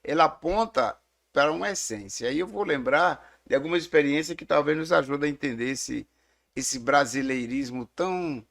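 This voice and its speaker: This middle-aged man, a theology teacher appearing as a guest, has a Brazilian Portuguese accent and a slightly high, gravelly, fairly bright voice. At a moderate pace he reflects, explains, and tells stories in a casual discussion.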